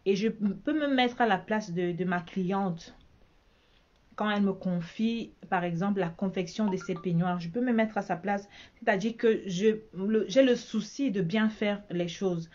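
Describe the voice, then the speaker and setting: A woman's voice: medium pitch, measured pace, a little mellow, muffled recording. A woman from Cameroon with a Cameroonian French accent, chatting casually in a vlog as a bridal shop owner, repeating herself often.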